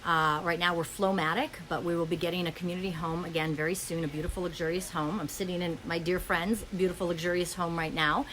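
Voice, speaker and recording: A woman hosting a podcast, speaking fast in a flowing spiritual monologue with many ums and restarts, recorded in a friend's home. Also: on the low side, flat delivery, fairly bright tone, slight background noise, low-quality recording. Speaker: podcast host.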